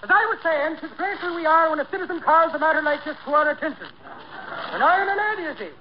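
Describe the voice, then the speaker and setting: An actor playing a blustering, pompous police officer with an Irish accent and a dopey bellow, in old-time radio comedy style. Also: male voice, very high voice, animated, quick pace. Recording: dull, noisy old radio recording.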